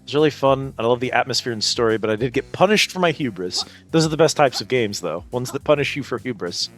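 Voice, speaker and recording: A man's voice: medium pitch, expressive, fast, a bit bright. A man chatting casually as he hosts a live game stream, with playful, exclamatory greetings to his viewers. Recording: music behind the voice.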